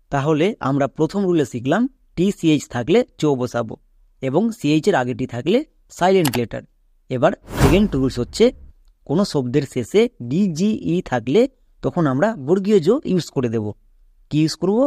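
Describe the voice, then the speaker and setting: A man teaching an English spelling lesson, with a mellow voice that sits slightly high. He keeps asking questions and answering them himself, and he spells words out slowly, one letter at a time. The recording is dry and close, with no room sound. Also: no room sound. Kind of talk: explanatory lesson.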